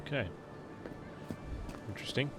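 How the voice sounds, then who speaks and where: A man's voice: moderate pace, loud music behind the voice. A man doing casual live commentary on a video game as a streamer, slangy and rambling.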